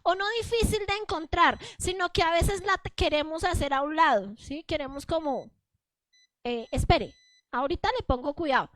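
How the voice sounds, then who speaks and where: A woman preaching a sermon to a congregation, animated and often asking the listeners to agree. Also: very high-pitched, moderate pace, dry recording.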